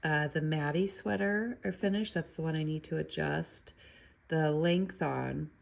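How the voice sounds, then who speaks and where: A middle-aged woman talks casually to her viewers, her voice nasal and stuffy from blocked sinuses. Her voice sits fairly low and has a gravelly fry running through it. She rambles, filling gaps with ums and restarting her sentences. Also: a little slow. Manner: rambling, chatty, with many ums and self-corrections. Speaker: knitting channel host.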